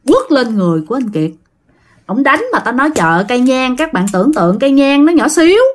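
A woman, telling a ghost story in a chatty way and speaking straight to her listeners. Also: fairly high pitch. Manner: chatty, addresses listeners directly.

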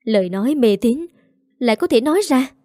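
This is a woman reading a storybook mother, frantic and tearful, her voice climbing as she wails. The tone stays dark and mellow, and the room is dry and close. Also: fairly high pitch, animated, a little fast, no room sound, close to an everyday voice. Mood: outraged. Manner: wailing, pleading. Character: grieving desperate mother, middle-aged woman.

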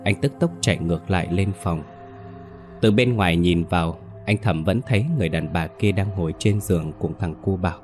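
Deep-voiced male ghost story narrator. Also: brisk. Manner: steady, grave storytelling. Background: faint music.

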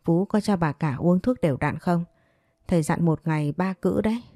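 A woman's voice: lowish voice, moderate pace, warm tone, dry recording, studio quality, natural voice. A woman voicing a scheming second wife who speaks in a sugary, coaxing way. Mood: sweetly scheming.

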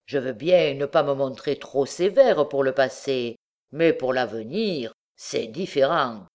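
A woman voicing a coarse, scheming male bandit who taunts his wife in a lowered, gruff voice. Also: a little slow, darkish tone. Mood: domineering.

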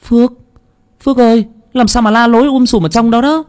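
A man's voice: extremely high pitch, steady tone, brisk, a little mellow, pitched above the performer's own voice. A man voicing a caring young woman, an older sister, calling out in alarm in an audiobook.

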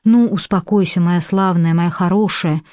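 A woman voicing a grieving man who speaks gently and pleadingly to an old friend, in an audiobook. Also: on the low side, normal speed, dry recording, close to an everyday voice. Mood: tender.

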